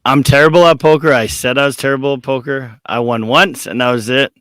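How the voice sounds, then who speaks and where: A man with a bright, sharp voice trades casual jokes on a podcast, tossing in "man" and "buddy" as he talks. The sound is dry and close. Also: mid-range voice, fairly even intonation, brisk, no room sound. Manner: joking, calls people man and buddy. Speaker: podcast co-host. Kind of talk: casual chat.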